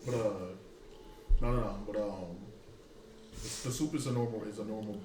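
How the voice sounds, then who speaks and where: A man's voice: fairly low pitch, steady tone, normal speed. A man playing a tabletop game with friends, talking casually, restarting his sentences and swearing often. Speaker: player. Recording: echoey room, far from mic, noisy.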